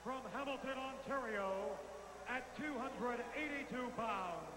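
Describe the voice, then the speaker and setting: A man announcing wrestling matches from the ring in a formal style with drawn-out names. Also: very high-pitched. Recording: echoey arena PA, reverberant, noisy.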